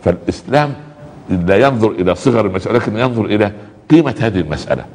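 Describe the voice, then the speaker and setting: Male preacher, Egyptian Arabic accent, rapid, chatty sermon delivery with pious interjections, long reverb around the voice. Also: lowish voice, expressive, a little mellow. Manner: conversational, repeats pious exclamations, acts out little dialogues. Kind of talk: colloquial religious talk.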